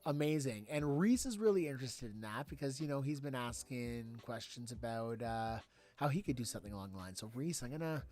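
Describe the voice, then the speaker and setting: An upbeat man hosts a casual stream, chatting freely and laughing easily between announcements. His voice sits at an ordinary male pitch. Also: lively intonation, brisk, a little mellow. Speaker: host. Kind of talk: casual livestream hosting.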